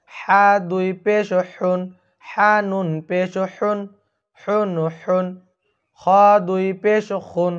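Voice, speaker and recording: A man teaching Quran recitation rules, chanting letter drills slowly and repeating each sound. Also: high voice, smooth. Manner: slow, drawn-out chanting of letter drills, quicker when explaining. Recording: dull lo-fi sound.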